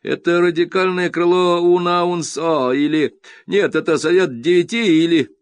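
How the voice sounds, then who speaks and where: A man's voice: high-pitched, fairly even intonation, unhurried, clean tone, no room sound, pitched above the performer's own voice. A man voicing an odd, gloomy young man who mutters sullenly. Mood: musing.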